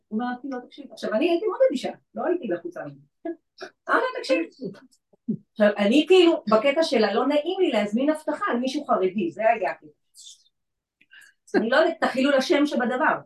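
A woman who works in legal aid, telling a story in casual chat and acting out the voices of the people in it. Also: fairly high pitch. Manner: animated, acts out quoted voices. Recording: echoey room from far off.

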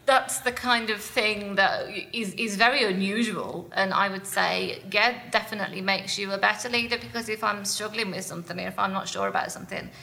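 A woman's voice: medium pitch, steady tone, a little fast, creaky, few pauses, bright, forceful tone, poor audio. A woman employee chatting frankly about her boss in a casual podcast conversation.

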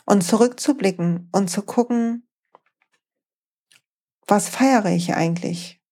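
A woman's voice: mid-range voice, slow, warm tone. Female podcast host, late 40s, motivational coach, speaks to listener directly, encouraging tone.

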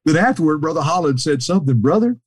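A man's voice: medium pitch, animated, normal speed, darkish tone. A man telling casual stories, often restarting sentences and raising his voice to mimic the people he quotes. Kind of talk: casual anecdotal storytelling.

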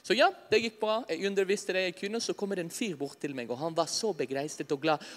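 A man giving a personal faith testimony as a lively storyteller who often laughs at himself. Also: high-pitched. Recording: long hall reverb.

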